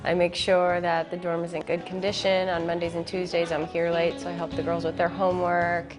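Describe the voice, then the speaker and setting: A woman with a lowish, very even voice describes her work with the students in a practical, caring way. Clear music plays underneath. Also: fairly quick. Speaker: dorm staff. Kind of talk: documentary interview.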